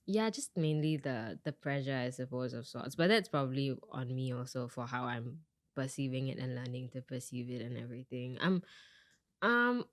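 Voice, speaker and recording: A young woman from Singapore talks through her story in a casual interview. Her voice sits low for a woman, and she gets animated whenever she acts out her own reactions. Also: moderate pace, dry recording, studio quality. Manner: chatty, animated when quoting herself, laughs often. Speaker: singer-songwriter, guest.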